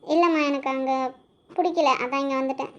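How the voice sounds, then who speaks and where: A young woman playing a sad daughter who misses her lover, talking softly in an amateur audio drama. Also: high-pitched, steady tone, a little fast, natural voice. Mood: subdued. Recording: dull, lo-fi recording.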